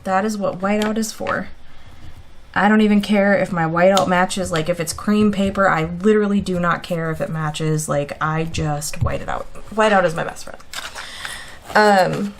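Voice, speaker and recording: A woman's voice: fairly low pitch, moderate pace, slight background noise. A woman chatting casually as she sets up a planner on video, counting aloud and laughing at her own slips. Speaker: planner vlogger. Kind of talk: casual chat while drawing a planner layout.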